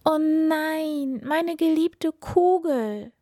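A woman's voice: extremely slow, mellow, dry recording, clean studio sound. A woman doing a wailing young princess. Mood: dismayed. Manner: high wailing lament.

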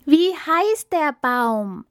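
A woman voicing a hungry crowd of animals in a storybook reading, calling out high and loud. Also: fairly even intonation, normal speed, dry recording, studio quality, lightly acted. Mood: pleading. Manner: pleading, loud and drawn out.

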